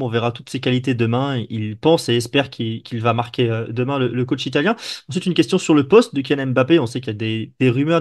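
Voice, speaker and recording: Fast-talking man reporting on football. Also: medium pitch, a little mellow. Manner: brisk, matter-of-fact reporting. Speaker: correspondent. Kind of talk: casual chat, sports reporting.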